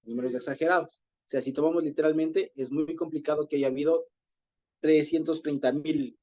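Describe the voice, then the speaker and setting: Mellow-voiced man teaching Bible study. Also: a little high, fairly even intonation, moderate pace. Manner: conversational, explains Hebrew words, rephrases often. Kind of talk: informal group Bible study.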